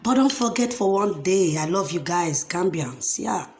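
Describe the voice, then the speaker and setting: A woman's voice: fairly low pitch, lively intonation, unhurried, a little hiss or hum. A young woman vlogger chatting casually to her viewers, affectionate and repetitive, calling herself by her own name. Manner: affectionate, chatty, repeats herself, talks about herself in the third person. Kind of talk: casual talk to camera.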